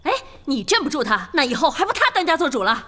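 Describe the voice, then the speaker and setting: An actress playing a sharp-tongued sister-in-law who mocks the timid husband. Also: female voice, high-pitched, sing-song, quick pace, heavily acted. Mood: mocking. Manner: mocking.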